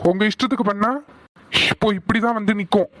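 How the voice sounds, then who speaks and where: A man voicing a stubborn young husband in an animated family drama, curt and defiant. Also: high-pitched, fast. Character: angry young husband, stubborn office worker.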